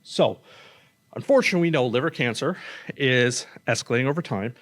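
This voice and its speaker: Speaking into a stage mic in a conference room, a male oncologist presents a slide talk to the public in a relaxed, down-to-earth way and mentions his loud voice. His medium-pitched delivery is brisk with lively intonation.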